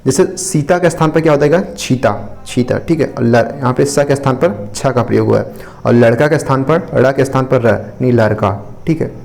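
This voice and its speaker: Mellow-voiced Indian man teaching. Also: medium pitch, vocal fry. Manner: explanatory, repeats points with frequent "ठीक है". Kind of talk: explaining an exam answer copy.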